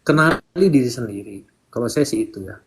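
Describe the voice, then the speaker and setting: Husky man giving easy, casual advice. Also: mid-range voice, a little fast. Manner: relaxed, plain, acts out his inner talk. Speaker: guest speaker. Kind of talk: casual Q&A on a live stream.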